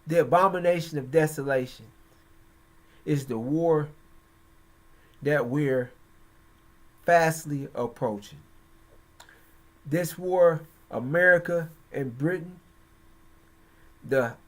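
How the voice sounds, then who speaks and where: Man, host, religious-political commentary, slightly high voice, slow halting emphatic delivery.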